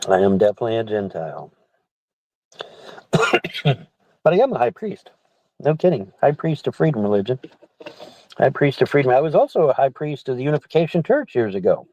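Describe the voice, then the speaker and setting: Middle aged guy just rambling to his chat, mellow voice, really dry close sound, repeats himself. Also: medium pitch, sing-song, brisk, long pauses, no echo, lo-fi sound. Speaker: livestreamer reading and answering viewer chat. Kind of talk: rambling casual livestream chat. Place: inside a car.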